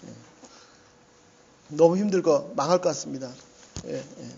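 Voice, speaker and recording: High-voiced, animated male preacher. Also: measured pace, creaky, lo-fi sound. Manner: animated and conversational, often saying "yes" and laughing. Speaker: pastor. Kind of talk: sermon.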